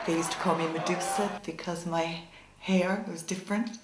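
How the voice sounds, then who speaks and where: A woman's voice: fairly low pitch, steady tone, normal speed, echoey room, background noise. A woman wryly recalling a nickname fans gave her.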